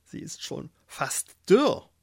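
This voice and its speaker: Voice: slow, no echo, clean studio sound, lightly acted. A storyteller voicing an impatient, pushy male mole who talks in an urgent, bossy way, for a children's storybook.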